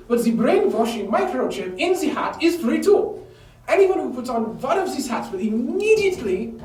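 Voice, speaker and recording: Woman playing a theatrical, gloating villain professor, swooping pitch. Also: darkish tone, slight background noise. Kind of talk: theatrical comedy drama monologue. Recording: echoey room, distant mic.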